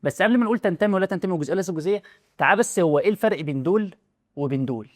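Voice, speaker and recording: A young man with an Egyptian Arabic accent teaches math at breakneck speed, his voice sitting a little high for a man. He talks to the student in a loose, chatty way and keeps asking quick rhetorical questions. The sound is dry and close, with no room around it. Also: expressive, no room sound. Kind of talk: casual classroom explanation.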